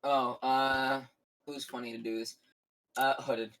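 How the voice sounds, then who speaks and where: A man's voice: mid-range voice, level tone, slow pace, a bit bright. A man talking casually and crudely as a contestant in an online voice chat. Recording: noisy computer mic with clicks.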